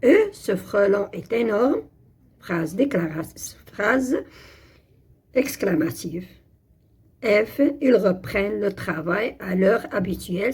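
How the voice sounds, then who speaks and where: A woman slowly explaining French grammar exercises, switching between French and Arabic. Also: medium pitch, darkish tone, slightly rough. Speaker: French teacher.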